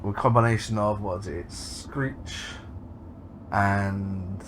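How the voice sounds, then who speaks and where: A man's voice: fairly low pitch, normal speed, background noise. A man streaming a game, chatting casually in a rambling way, trailing off and swearing as he goes. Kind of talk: casual livestream chat.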